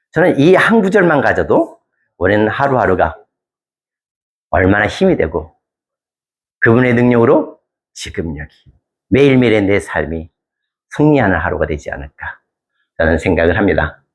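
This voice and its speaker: A male pastor preaching a sermon to his congregation, swinging from hushed lines to emphatic, near-shouted ones and putting questions to the listeners. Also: lowish voice.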